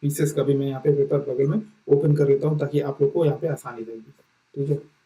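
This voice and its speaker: A male teacher talks his students through an exam syllabus, checking in with them over and over and restarting his sentences as he goes. His voice is fairly high and warm, with a mellow tone. He sits some way back from the mic in a room with plenty of echo. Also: fairly even intonation, fairly quick. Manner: repeats "ठीक है" as a check-in, many fillers and restarts. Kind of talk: casual explanatory lesson. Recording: roomy echo, distant mic.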